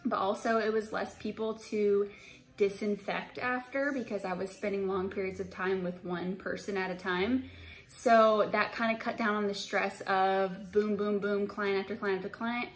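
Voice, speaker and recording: A hairstylist in her twenties talks casually to the camera in an empty indoor hair salon, vlog-style. Her mid-range voice is steady and normal in speed, reassuring but full of fillers and restarts, and the recording is rough.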